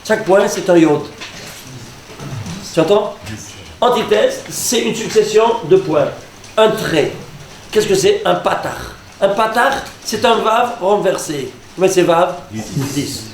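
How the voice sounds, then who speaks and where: A man, a rabbi, teaching a lively lesson and quizzing his audience. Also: high-pitched, takes it slowly, a little hiss or hum. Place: lecture hall with audience. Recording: echoey hall with audience.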